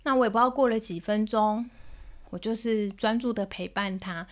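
A woman in her thirties with a Taiwanese Mandarin accent, hosting a parenting podcast and telling a story about her child in a gentle manner. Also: medium pitch, normal speed. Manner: gentle, soothing when quoting herself to her child. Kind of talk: storytelling monologue.

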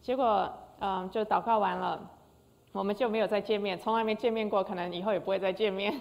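An older woman recounts her life as a pianist in a heartfelt, halting testimony. Her voice carries a gravelly fry. The sound rings with the long reverb of a large hall. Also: mid-range voice, fairly even intonation, a little mellow. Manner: emotional storytelling with frequent hesitations. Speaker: concert pianist. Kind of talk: personal testimony.

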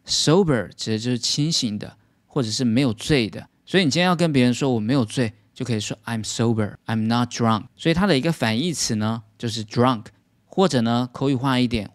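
A man's voice: mid-range voice, no room sound. A man teaching English vocabulary as a patient lesson, explaining words step by step.

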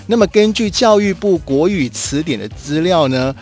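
A man runs a podcast pronunciation lesson, his voice a little higher than most men's. He talks patiently, stretching out particles as he models each sound, with soft music underneath. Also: expressive. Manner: patient, demonstrates sounds slowly with drawn-out particles. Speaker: Zhuyin pronunciation teacher.

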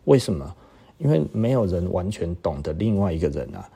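A man's voice: sits low, sing-song, fairly quick, gravelly, warm tone, breathy edge. A man with a Taiwanese Mandarin accent hosting a podcast, telling a story in a chatty monologue and often checking with the listener. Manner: chatty storytelling, keeps asking "right?". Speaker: podcast host. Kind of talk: casual monologue.

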